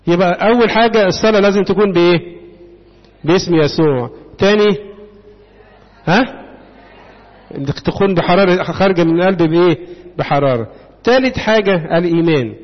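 A man with an Egyptian accent delivers a sermon in a high voice, throwing questions out to the congregation and waiting for their answers. The sound is muffled and echoes through a long, reverberant hall. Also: animated, fairly quick, pauses often. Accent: Egyptian Arabic. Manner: call-and-response questioning of the congregation. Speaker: preacher.

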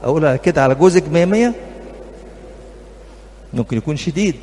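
This middle-aged man with an Egyptian accent speaks to couples at church as a marriage counselor, addressing them directly with humor and anecdotes. His voice is on the high side, expressive, fast and mellow. The hall is reverberant, with faint background noise.

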